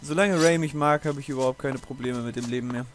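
A man's voice: medium pitch, fast talker, faint music behind. A man hosting a let's play, giving casual gaming commentary in a chatty, digressive way with frequent swearing and laughter.

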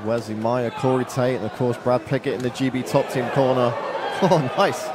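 A man's voice: mid-range voice, little pitch movement, fairly quick. Male fight commentator over crowd noise. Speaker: play-by-play commentator. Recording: crowd and venue noise behind. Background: arena crowd.

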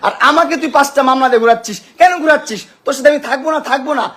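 Young man, very high voice, fast, angry shouting, heated argument at home. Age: young adult. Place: bedroom of a home.

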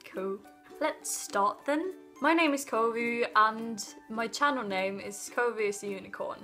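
A native Norwegian speaker from Norway vlogs casually into a phone propped on a stack of things in her living room, sounding a little off sick and self-conscious as she stumbles and apologizes often. Her voice is on the high side, bright and forceful at a measured pace, over faint added background music.

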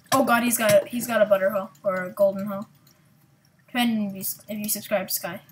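Her voice sits in the mid-range here as she hosts her gaming channel, delivering rambling, excitable let's-play commentary that pokes fun at herself through a desktop mic. The background is noisy.

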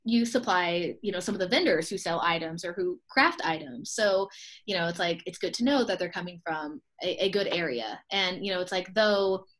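A young woman, the host and co-owner of an expo, runs a casual video-call interview, upbeat and chatty and often laughing between thoughts. Her voice is on the low side, fairly bright, at a moderate pace.

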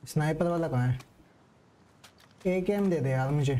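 A man streaming a game live, reacting excitedly, swearing, and talking to himself and his chat. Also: a little high, normal speed. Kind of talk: live gaming commentary.

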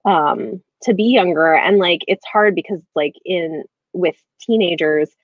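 A woman in her thirties hosts a book club livestream from a room at home over a video call, her voice on the low side and unhurried. She thinks aloud in a hesitant, rambling way during the casual book discussion. The recording is dry, with slightly dull video-call audio.

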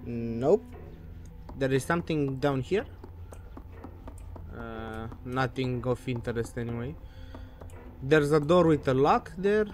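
A man's voice: mid-range voice, expressive, slow pace, pauses often. A man giving casual, nervous commentary as he plays a horror game, sounding scared and swearing freely. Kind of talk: casual let's-play commentary. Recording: game music behind the voice. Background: video game music.

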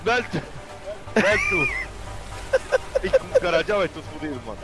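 A man's voice: high-pitched, huge pitch swings, moderate pace. A young man with a European Portuguese accent, swearing and urging his partner on as he streams a game. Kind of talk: casual gaming chat. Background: very loud game music.

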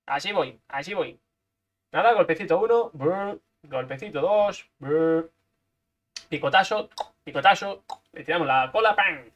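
A man's voice: on the high side, animated, a little slow, pauses often, a bit bright, muffled recording. A man from Spain, commentating his own gameplay live, playful and full of repeated sound effects. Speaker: gaming streamer.

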